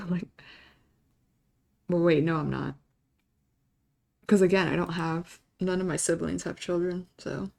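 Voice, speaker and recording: A woman's voice: on the low side, gravelly, darkish tone. A young adult woman streamer casually chatting with her viewers, laid-back and often breaking into giggles. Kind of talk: casual live-stream chat.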